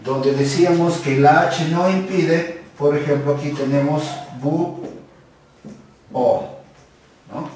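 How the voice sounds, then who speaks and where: A male teacher gives a classroom grammar lesson at a very slow, careful pace, repeating each word so students can write it down. His voice comes from well away from the mic and rings through a strongly echoing room. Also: fairly high pitch, a little mellow, a little hiss or hum. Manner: slow, deliberate, repeats words for dictation. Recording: very echoey, distant mic.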